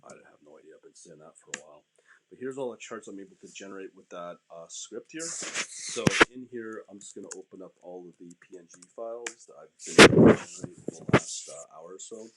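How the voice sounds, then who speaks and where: A man with a deep, low-volume voice talks through a live stream as its host. His delivery is informal and rambling, like casual commentary on the markets given off the cuff. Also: animated, a little fast, very noisy.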